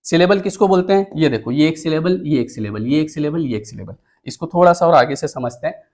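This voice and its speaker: A male teacher gives an exam-prep lecture on poetry meter, explaining step by step, often checking in with the class, and counting items aloud while pointing at the screen. His voice is a little high, darkish in tone, expressive, and quick.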